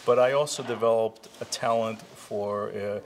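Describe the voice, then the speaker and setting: A man in his sixties, born in Israel and raised in New Jersey, answering interview questions in an unhurried way with many pauses and restarts. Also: on the low side, fairly even intonation, a little hiss or hum. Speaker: interviewee, retired chiropractor.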